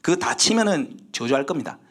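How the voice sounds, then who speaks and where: A man voicing a sly, wheedling male Satan who speaks, in a high whining plea, as part of a sermon retelling. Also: very animated, a little fast.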